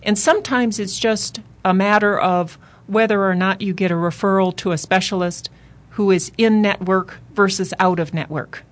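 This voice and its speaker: A woman's voice: mid-range voice, steady tone, moderate pace. American woman explaining as interview guest. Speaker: university researcher, interview guest.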